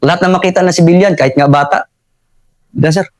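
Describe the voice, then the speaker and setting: Young Filipino soldier, high-pitched, saying "sir" constantly. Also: male voice, fairly even intonation, brisk, a little mellow. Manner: says "sir" after nearly every phrase, with frequent chuckles. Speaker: soldier telling his war story. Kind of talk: casual interview storytelling.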